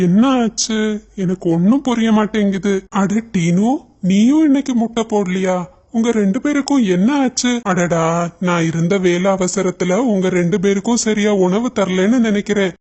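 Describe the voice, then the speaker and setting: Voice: mid-range voice, darkish tone, natural voice. A performer voicing a puzzled, apologetic man who is a farmer in a cartoon story.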